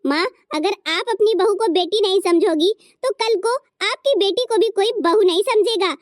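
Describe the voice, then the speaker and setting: A sweet, outspoken teenage girl in a cartoon family drama, as a woman voices her. She pleads her case earnestly in a very high voice. The recording is dry and close. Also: normal speed, no echo. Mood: pleading. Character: sweet teenage sister-in-law, kind and outspoken. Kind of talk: cartoon story voice acting.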